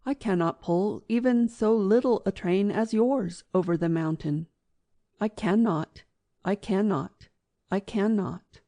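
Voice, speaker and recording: A woman's voice: medium pitch, a little slow, mellow, no room sound, clean studio sound, close to an everyday voice. A woman playing a weary, rusty old train engine in a children's storybook reading, sighing and plaintive. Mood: weary, defeated.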